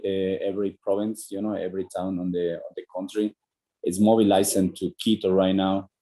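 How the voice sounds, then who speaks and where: A man from Ecuador, a native Spanish speaker with an Ecuadorian accent, talking casually over a video call and pausing on many fillers and restarts. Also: low voice, warm tone, poor audio.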